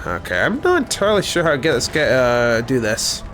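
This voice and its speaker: A man's voice: mid-range voice, sing-song, a little fast, fairly bright tone, slight background noise. A young man streaming a game, chatting casually in a rambling, talkative way. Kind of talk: casual gameplay commentary.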